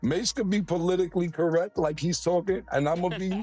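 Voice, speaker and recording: A man's voice: high voice, steady tone, brisk, darkish tone, faint music behind. A man co-hosting a talk show, going on a blunt, profane, escalating comedic rant in casual, repetitive phrasing.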